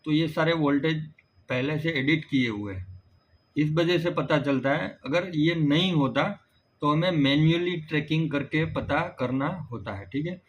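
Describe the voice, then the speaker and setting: A man with an Indian accent, an auto electrical repair instructor, gives a hands-on technical tutorial, going step by step and often checking in with the learner. His voice is a little high at a moderate pace. The recording is dull and lo-fi with faint background noise.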